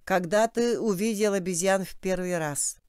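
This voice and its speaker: A woman's voice: medium pitch, moderate pace, darkish tone, smooth, no room sound, studio quality, natural voice. A woman voicing a bossy man who presses with mocking questions. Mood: pushy. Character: bossy male interrogator, mocking, pushy.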